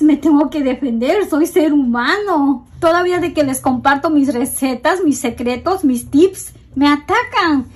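A middle-aged Mexican woman with a Mexican accent, hosting a casual cooking video and talking frankly and warmly to her viewers as friends. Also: high-pitched. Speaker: cooking channel host.

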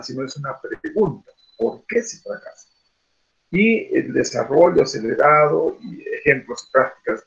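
A man's voice: on the high side, gravelly, muffled recording. A man teaching an online class, rambling with many fillers and rhetorical questions. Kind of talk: classroom talk over a video call.

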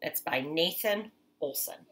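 A woman in her thirties, a mother and teacher, reads aloud to children in a small room at home, explaining simply and checking in often with short tags. Her low voice is animated and unhurried, though heavy background noise is present.

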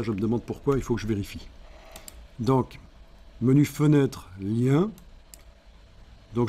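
Man teaching software, mellow voice. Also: mid-range voice. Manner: explains step by step, thinking aloud with fillers. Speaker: software instructor. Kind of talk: screen-recorded software tutorial.

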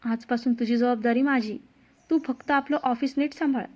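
A woman's voice: fairly high pitch, steady tone, normal speed, a little mellow, natural voice. A woman voicing a loving, teasing middle-aged mother in a storybook reading. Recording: dull lo-fi sound.

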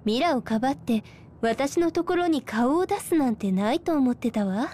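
A woman's voice: high voice, lively intonation, moderate pace, warm tone, slight background noise. An actress playing a coldly menacing female spirit in a video game, with ladylike, coolly polite speech. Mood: mocking curiosity. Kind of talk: Japanese RPG cutscene voice acting.

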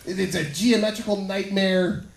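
A man's voice: high-pitched, moderate pace, creaky. A man in his thirties doing conversational, profane stand-up with leering, smutty joking, on a handheld microphone at a small bar. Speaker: stand-up comedian. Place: small bar or club stage at night. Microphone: handheld stage microphone through PA, filmed from the audience. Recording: echoey room recording with audience noise.

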